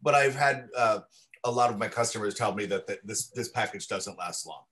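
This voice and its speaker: A man's voice: fairly low pitch, fairly quick, a bit bright. A man who makes chocolates describing his products in an eager, detailed, casual way on a livestream video call. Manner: enthusiastic, descriptive, with frequent restarts. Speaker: chocolatier, guest.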